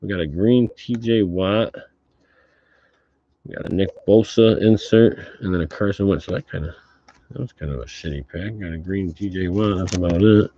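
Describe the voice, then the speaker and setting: Low-pitched man talking through a face mask. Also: normal speed, warm tone. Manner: laid-back, swears casually. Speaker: host of a sports card box break. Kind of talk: casual running commentary on card openings. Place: indoor tabletop card-opening setup. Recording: dull, muffled audio with background noise.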